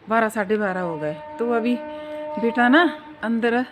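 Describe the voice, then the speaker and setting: A middle-aged woman chatting casually as she walks through a park and films a vlog on her phone. She tells stories in an animated way and keeps asking her listeners to agree. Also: a little high, a little slow, music in the background. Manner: animated storyteller. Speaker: vlogger and mother. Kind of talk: casual walking vlog chat. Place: outdoor park on a foggy day.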